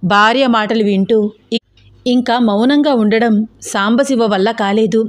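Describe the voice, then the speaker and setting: A woman narrating a family drama story in a steady, expressive reading. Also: fairly high pitch, unhurried.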